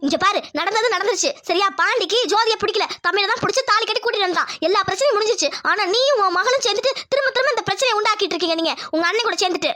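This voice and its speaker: A woman's voice: very high-pitched, very fast, few pauses, bright, forceful tone. A woman voicing a caring, protective middle-aged village mother-in-law in a Tamil cartoon family drama, scolding and dramatic. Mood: stern.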